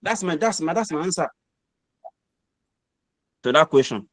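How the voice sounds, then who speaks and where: A man's voice: a little high, lively intonation, unhurried, a bit bright, dry recording. A middle-aged man with a Nigerian accent, giving an emphatic, repetitive motivational mentoring talk. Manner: emphatic, repetitive, preacher-like delivery. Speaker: guest mentor speaker.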